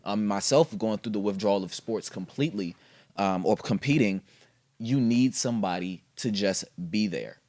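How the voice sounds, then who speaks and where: A man's voice: lowish voice, normal speed, darkish tone, dry recording. A man co-hosting a casual podcast discussion, explaining his views in a thoughtful way with fillers. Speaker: podcast co-host.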